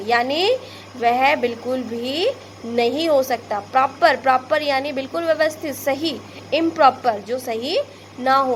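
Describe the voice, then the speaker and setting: A woman's voice: high voice, slight background noise. A woman teacher with an Indian Hindi accent, patiently explaining word prefixes to young pupils, repeating each example. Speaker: school English teacher.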